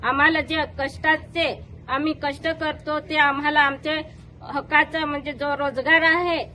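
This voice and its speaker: A middle-aged woman speaks quietly and hesitantly about her situation at an outdoor protest. Her voice is high and bright but stays flat in pitch. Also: normal speed, slight background noise. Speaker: school worker and protester. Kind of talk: interview statement.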